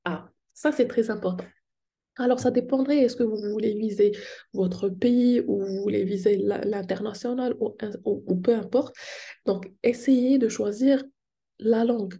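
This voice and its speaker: An online business coach from Morocco, whose native language is Moroccan Arabic, teaches tips to the camera and asks her viewers questions in a Moroccan French accent. Her mid-range voice is warm and a little slow.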